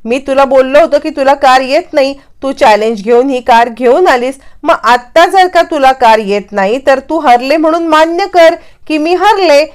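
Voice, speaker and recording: A woman's voice: sits high, normal speed, few pauses, close to an everyday voice. A woman voicing a quarrelsome, sarcastic young man in a serial recap, in a taunting, argumentative way. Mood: irritated, taunting.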